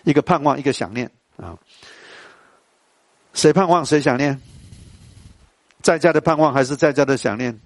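A man with a Taiwanese Mandarin accent teaching a lesson on classical poetry tones, quizzing students and chanting lines slowly. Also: mid-range voice, dry recording.

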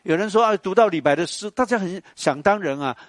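Guy teaching a class, lively storyteller, keeps asking the room stuff, dry close sound. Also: high-pitched, a little fast, dry recording. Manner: animated storytelling, questions to the audience. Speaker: lecturer. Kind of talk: classroom lecture.

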